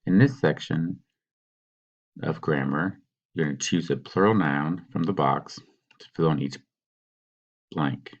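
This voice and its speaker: A man teaching, patiently talking students through a worksheet and sounding out words slowly. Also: rumbling low, muffled recording. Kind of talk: recorded classroom walkthrough.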